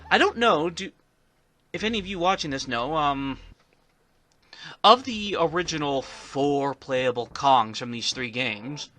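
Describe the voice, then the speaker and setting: A man's voice: fairly high pitch, expressive, a little slow, sharp tone. A man giving casual let's play commentary, rambling and often stuttering on the first syllables of words.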